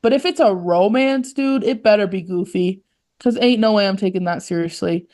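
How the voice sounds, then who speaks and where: A woman's voice: mid-range voice, moderate pace, a little mellow. A young woman co-hosting a podcast, chatting casually, with a chatty, rambling manner full of "like"s and laughs. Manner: chatty, giggly, rambling with many "like"s. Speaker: podcast co-host. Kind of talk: casual chat.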